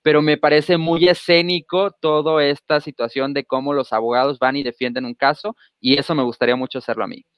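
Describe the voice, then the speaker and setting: Smooth-voiced male co-host. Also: fairly high pitch, fairly even intonation, a little fast, few pauses, no echo, muffled recording. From Mexico. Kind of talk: casual gossip chat.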